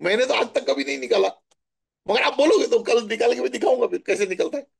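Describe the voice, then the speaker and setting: A middle-aged man from Maharashtra telling stories in a chatty, animated way during a spiritual talk. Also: very high-pitched, fast, creaky, breathy edge. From Maharashtra, India. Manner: chatty, animated storytelling with asides. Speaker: spiritual guest answering questions.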